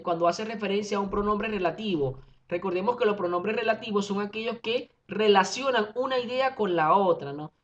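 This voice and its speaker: A woman's voice: mid-range voice, fairly bright tone. A woman teacher explaining a grammar lesson, reading out examples and checking in with short questions. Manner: reads out examples, checks in with '¿ve?' and '¿verdad?'. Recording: dull lo-fi recording.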